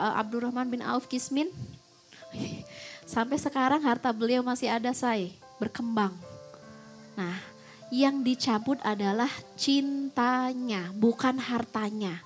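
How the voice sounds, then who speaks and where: A young woman giving a casual religious talk, chatty, mixing in English phrases and filling pauses. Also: on the high side. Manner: chatty, mixes English phrases, frequent fillers. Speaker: Islamic preacher.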